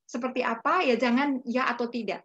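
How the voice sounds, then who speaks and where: A woman lecturing parents, patient and explanatory, often adding a soft "ya" to her sentences. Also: a little high, steady tone, fairly quick. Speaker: parenting speaker. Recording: slightly dull lo-fi recording.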